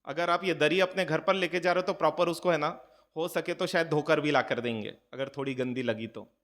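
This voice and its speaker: A man's voice: a little high, fairly quick, fairly bright tone. A man preaching as a Jain monk to a gathering, talking casually, joking and throwing rhetorical questions at his listeners. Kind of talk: conversational sermon to a gathering. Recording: long hall reverb.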